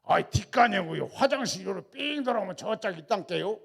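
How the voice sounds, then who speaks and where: A man voicing a chummy, excitable Jeolla landowner who drawls in a familiar way. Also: fairly quick, vocal fry, husky, full character voice. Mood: friendly. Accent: Jeolla dialect. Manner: loud, high, drawling and familiar.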